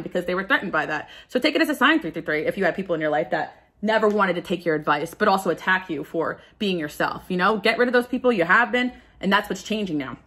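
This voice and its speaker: A woman's voice: lowish voice, fairly bright tone. A woman giving a casual pick-a-card tarot reading, candid and confessional, who often stumbles over her words.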